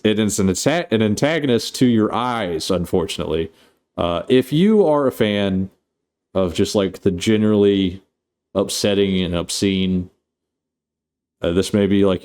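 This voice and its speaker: A man's voice: low-pitched, a little mellow. A man casually recapping a movie plot, rambling and swearing, full of fillers and restarts. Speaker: movie reviewer.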